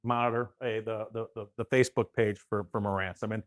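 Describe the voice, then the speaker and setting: A man with a lowish voice and flat delivery appears as a guest expert, offering casual, practical advice. He speaks loosely and haltingly, circling back on his points.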